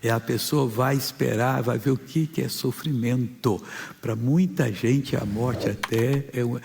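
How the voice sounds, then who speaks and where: A man with a Brazilian Portuguese accent preaching a sermon, emphatic and rising for his exhortations, with a gravelly voice. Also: medium pitch, fairly even intonation, unhurried, a little mellow. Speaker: pastor. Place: church hall. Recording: long hall reverb.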